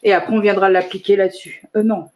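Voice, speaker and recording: A woman's voice: mid-range voice, level tone, quick pace, dull audio, background noise. A woman from France hosting a live product demonstration, chatting casually, laughing often and correcting herself as she goes. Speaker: host of a live product demo. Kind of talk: casual live stream chat.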